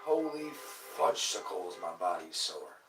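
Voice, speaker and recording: A man's voice: sits low, very animated, measured pace, far from the mic, over music, low-quality recording. A man in his late thirties hosting a livestream in casual chat, rambling and laid-back, with plenty of swearing. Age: late 30s. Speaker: livestream host.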